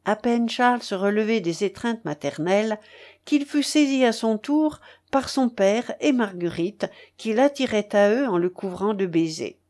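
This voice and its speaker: A woman narrating a classic novel in a measured, steady audiobook voice. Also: medium pitch.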